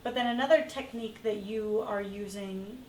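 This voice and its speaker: A woman's voice: mid-range voice, fairly even intonation, moderate pace, far from the mic, a crowd in the background. A woman co-hosting a podcast in casual chat, talking loosely with lots of fillers. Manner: chatty, full of "like" fillers. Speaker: podcast co-host. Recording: roomy sound from off-mic.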